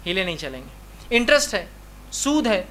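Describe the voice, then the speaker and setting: A man's voice: high-pitched, very animated, a bit bright, slight background noise. A man from India speaking, giving a religious lecture full of rhetorical questions and repeated reminders to remember the point. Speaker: Islamic lecturer.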